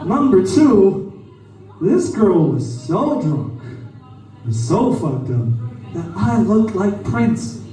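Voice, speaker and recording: Stand-up comic with a high voice and a warm, dark tone, doing crude bar stories, recorded far off in an echoey club. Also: male voice. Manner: crude, storytelling, quick asides. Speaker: stand-up comedian. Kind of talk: stand-up comedy set. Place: small lounge club.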